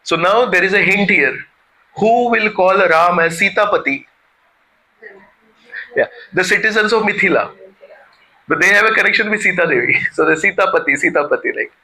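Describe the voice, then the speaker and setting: Bright-voiced man giving a devotional talk. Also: sits high, normal speed, pauses often, poor audio. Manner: conversational, asks the audience questions. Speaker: spiritual teacher.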